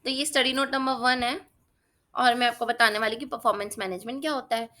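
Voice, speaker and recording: Speaking briskly in a fairly high, pushed and bright voice with fairly even intonation, this woman tutors students for exams. The lesson is casual and chatty, full of everyday examples, and she often pauses to ask "theek hai?" to confirm they're keeping up.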